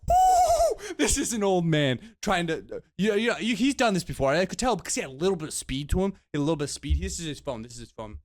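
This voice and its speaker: A man's voice: on the high side, lively intonation, rapid-fire, hardly any pauses, dry recording, clean studio sound. Exasperated young man telling a story. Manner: exasperated, rambling storytelling with repeated words and slang. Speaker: vlogger. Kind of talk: storytime vlog.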